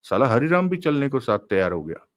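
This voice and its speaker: A man's voice: mid-range voice, sing-song, a little fast, no room sound, pitched above the performer's own voice, natural voice. A man voicing a shaken male robber in an audiobook, bitter and rueful.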